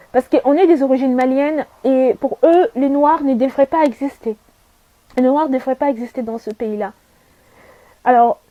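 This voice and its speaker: A young woman from Saudi Arabia gives an earnest personal testimony in a high, soft-toned voice. She presses her points with repetition and rhetorical questions. The sound is dry and a little dull, like a lo-fi recording. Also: no room sound. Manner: earnest and emphatic, repeats herself, asks rhetorical questions. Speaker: vlogger giving testimony.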